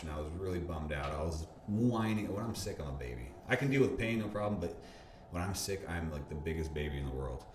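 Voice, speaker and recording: Low-voiced bodybuilder guy rambling through a story, laughs a lot, roomy echo and faint hum. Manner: animated, laughs often, stumbles and restarts. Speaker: bodybuilder interviewee. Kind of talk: casual storytelling interview. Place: gym or park.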